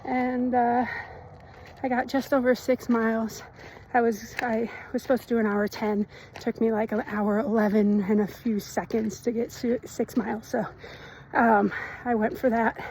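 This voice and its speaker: A woman's voice: on the high side, level tone, normal speed, a little mellow, a little hiss or hum. A woman chatting casually in a vlog, upbeat and full of fillers, a bit congested from allergies. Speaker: vlogger, triathlete. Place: outdoors on a run, then a kitchen.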